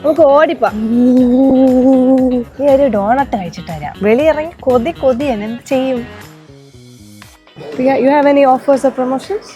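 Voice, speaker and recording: A young woman with a high voice chats playfully to her viewers as she shops, breaking off now and then to coax her small child along. Clear music plays behind her the whole time. It is a casual, lively home vlog. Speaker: vlogger. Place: shopping mall.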